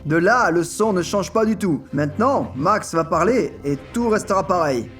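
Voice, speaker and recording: Informal male stunt-vlog co-host acted by a man, markedly high voice, conversational dub, music behind. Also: animated, normal speed, a bit bright. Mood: casual. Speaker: video co-host.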